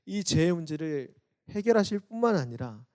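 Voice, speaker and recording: A youth pastor gives a Sunday sermon for an online service in a fairly high, sing-song voice at normal speed. He voices the people he quotes, rising loud and then easing down soft.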